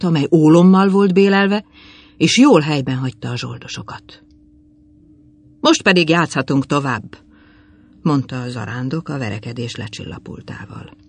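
A man reading an old-fashioned tale aloud in a measured storytelling manner. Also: on the high side, a little mellow, breathy edge. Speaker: narrator.

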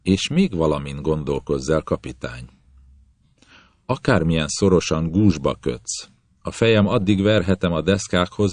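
A man reading a novel aloud in the first person, calm and measured. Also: rumbling low, dry recording. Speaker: audiobook narrator.

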